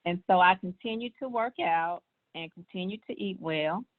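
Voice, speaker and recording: A woman's voice: on the low side, normal speed. A woman, earnestly sharing her personal health story in casual talk. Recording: tinny, phone-like sound.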